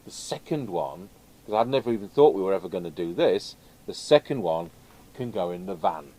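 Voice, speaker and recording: This video host and radio technician has a low, warm voice with lively intonation and talks at a normal speed. Unscripted and rambling, he casually introduces some radio gear, and background noise can clearly be heard.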